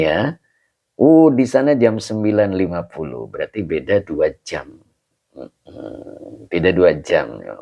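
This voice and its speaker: A middle-aged man, an Islamic preacher casually chatting through viewer comments on a livestream with chuckles and drawn-out exclamations. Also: deep voice, gravelly, warm tone. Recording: slightly dull lo-fi livestream audio.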